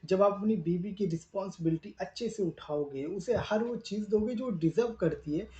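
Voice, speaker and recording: A man's voice: high-pitched, moderate pace, warm tone, roomy sound. A man answering viewer questions in a live advice talk, earnest and explaining step by step while repeating his points.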